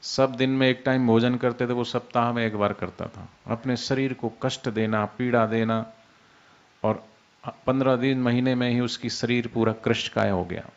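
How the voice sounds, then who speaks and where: A man giving an unhurried devotional discourse as a spiritual teacher, explaining with everyday examples. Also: medium pitch, steady tone, highs cut off. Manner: unhurried, explains with everyday examples, demonstrates soft and loud speech.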